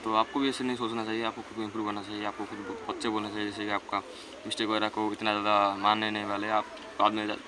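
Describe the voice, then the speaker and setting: Speaking fast and in a monotone, a teenage boy with a lowish voice gives earnest self-help advice against a noisy backdrop. His casual monologue wanders and repeats.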